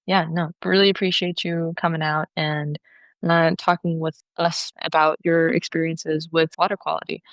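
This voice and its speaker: A woman hosting a podcast interview, introducing the guest and asking questions briskly. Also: low-pitched, little pitch movement, smooth, dry recording, highs cut off. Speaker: podcast host.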